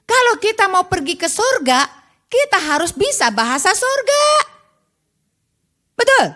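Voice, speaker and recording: A woman's voice: extremely high pitch, sing-song, a little slow, fairly bright tone. An older woman evangelist preaching a sermon, asking the congregation rhetorical questions. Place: church service.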